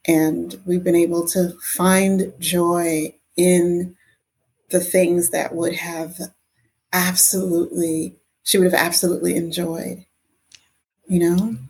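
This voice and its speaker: A woman speaking as a podcast guest, reflecting personally in a measured, affirming way. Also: lowish voice, flat delivery, darkish tone.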